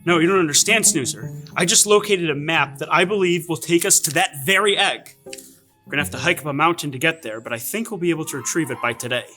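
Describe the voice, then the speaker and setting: Bright-sounding earnest adventure buddy, middle pitch, faint music behind, someone voicing it. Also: quick pace. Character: adventurous cartoon companion Checkers.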